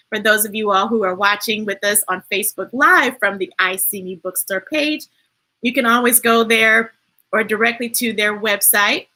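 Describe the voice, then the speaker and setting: A woman hosts a children's storytime, reading aloud with a playful, expressive, emphatic style and chatting with viewers on the side. Her voice is on the high side.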